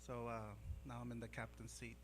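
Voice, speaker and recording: Flat-voiced man giving a mayor's speech. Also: mid-range voice, a little fast, a little hiss or hum. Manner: steady, with frequent fillers. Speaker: new mayor. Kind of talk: acceptance speech at a council meeting.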